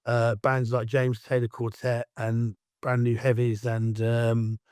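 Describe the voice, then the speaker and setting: A middle-aged Essex man speaks with a croaky, allergy-roughened voice, chatting on as an interview guest. He rambles freely and calls himself the loudmouth. The sound is dry and close, with no room echo. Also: mid-range voice, monotone, slow. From Essex, England. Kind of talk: casual interview chat.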